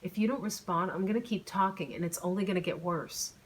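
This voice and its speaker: A woman's voice: fairly low pitch, a little fast, slight background noise, natural voice. A woman doing a flustered, rambling young man. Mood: flustered eager. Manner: nervous, babbling, eager.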